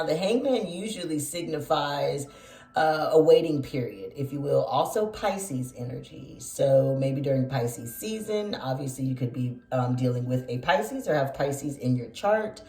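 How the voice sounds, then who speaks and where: A woman with a low, deep voice talks through a tarot spread in a chatty, animated way, dropping slangy asides. She sits some distance from the mic, and the room around her rings with echo. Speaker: tarot reader. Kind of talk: casual tarot reading vlog.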